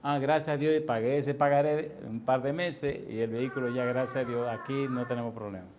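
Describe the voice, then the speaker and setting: A man preaching a sermon as pastor, asking the congregation questions and telling lively personal stories. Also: mid-range voice, fairly quick. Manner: preaches with call-and-response questions and lively storytelling.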